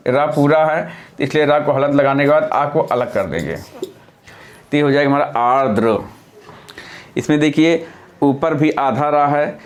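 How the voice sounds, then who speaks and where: A man teaching a lesson, who explains patiently step by step, repeats key points and corrects himself as he goes. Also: medium pitch. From India. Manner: self-correcting, thinking aloud mid-explanation. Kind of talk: classroom-style lesson.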